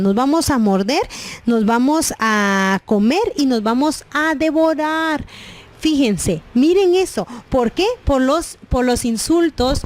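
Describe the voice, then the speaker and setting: A woman preaching a sermon, often tagging her sentences with questions to the listeners. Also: sits high. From Guatemala. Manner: constant "¿verdad?" tag questions, preachy.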